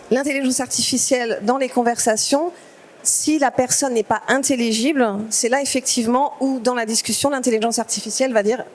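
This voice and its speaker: A woman's voice: on the high side, darkish tone. A woman speaking at a conference, answering audience questions in an explanatory way with many fillers and restarts. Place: conference stage.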